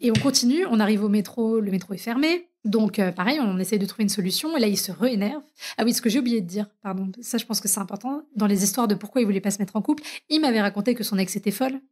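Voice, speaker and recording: A woman guest on a podcast, telling a personal story in a chatty, lively way with plenty of fillers. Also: medium pitch. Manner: fast, lively, chatty with many fillers and laughs. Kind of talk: casual storytelling.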